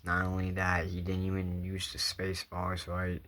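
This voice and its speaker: A man giving casual commentary as he reads messages aloud in deadpan, puzzled disbelief. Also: low-pitched, a little slow. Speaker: gamer reacting to messages. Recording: faint background noise with clicks.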